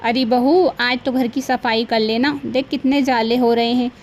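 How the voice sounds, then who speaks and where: A woman's voice: a little high, steady tone, normal speed, a little hiss or hum, close to an everyday voice. A woman voicing a bossy, demanding middle-aged mother-in-law in a cartoon, with a nagging, scolding manner.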